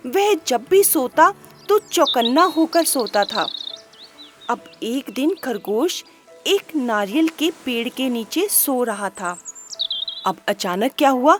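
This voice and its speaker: Woman storyteller, high voice, slow unhurried pace, expressive, soft music behind. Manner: lively, expressive storytelling with rhetorical questions. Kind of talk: children's moral story narration.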